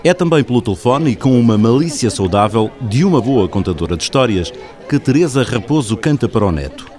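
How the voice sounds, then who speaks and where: A man's voice: medium pitch, lively intonation, a little fast, over music, crowd noise. A man with a European Portuguese accent reading scripted documentary narration in a storytelling style. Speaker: radio reporter and narrator.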